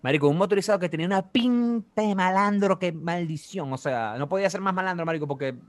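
A young man in his twenties with a Venezuelan accent tells a story in casual chat. His high voice moves quickly, and he's animated, full of slang and sound effects.

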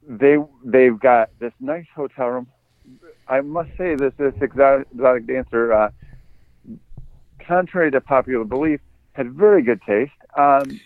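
A man's voice: medium pitch, no room sound. Laid-back man, tinny dry podcast audio. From United States. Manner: laid-back, chuckles through his story. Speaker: podcast co-host. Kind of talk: casual storytelling.

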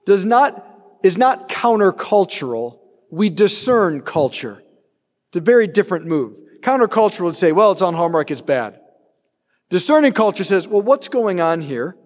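A priest with a high voice preaches a casual, lively homily. He acts out snippets of everyday talk. His words ring out with a long reverb trailing behind them. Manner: conversational, animated preaching with acted-out quotes. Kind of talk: sermon.

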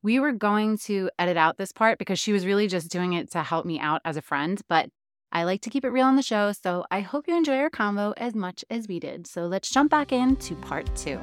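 A middle-aged woman with a New York accent hosting a podcast, chatty and open with quick asides. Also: mid-range voice, animated, smooth, no echo, clean studio sound. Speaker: podcast host. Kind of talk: casual interview chat.

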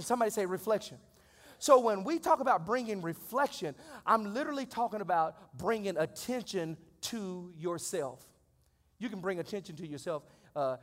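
A pastor in his forties preaching a sermon in a church. He talks conversationally and then swells into loud, high-pitched exclamations. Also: long reverb tail. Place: church sanctuary.

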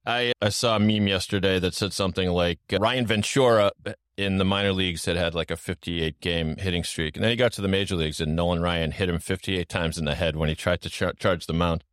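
Male podcast host, lowish voice, playful quizmaster, close dry sound. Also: steady tone, fairly quick, few pauses, fairly bright tone, clean tone, no room sound. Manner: upbeat, joking quiz-style questioning. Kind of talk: casual podcast chat.

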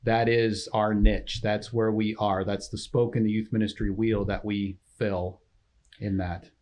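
A man's voice: fairly low pitch, flat delivery, a little slow, a little mellow. A man co-hosting a casual ministry podcast, explaining earnestly and affirming his partner often. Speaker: ministry leader, podcast co-host.

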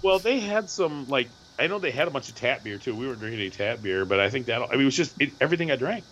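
A middle-aged man with a hoarse voice, co-hosting a podcast and telling a rambling, animated story with lots of repeats. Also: mid-range voice, very fast, lo-fi sound, a little hiss or hum. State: hoarse from screaming at a concert. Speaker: podcast co-host. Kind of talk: casual chat.

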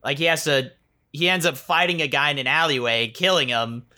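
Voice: medium pitch, brisk, sharp tone. A co-host casually discussing a movie, often restarting sentences and acting out characters' lines. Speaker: film podcast co-host.

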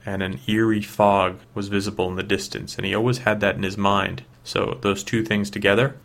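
A man's voice: on the low side, gravelly, fairly bright tone. A man hosting a film review, reading scripted narration about film history.

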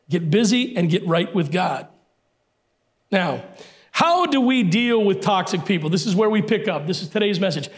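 A middle-aged man preaches with force, his high-pitched voice occasionally hoarse as he repeats the central phrases of his sermon.

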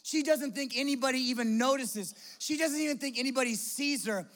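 High-voiced Midwestern American pastor preaching. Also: male voice, brisk, a bit bright. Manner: impassioned preaching with repeated restarts and rhetorical questions. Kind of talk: sermon.

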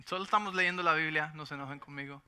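A man's voice: a little high, bright, forceful tone, clean tone. A middle-aged man preaching a conversational sermon, often checking that the listeners agree. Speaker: pastor.

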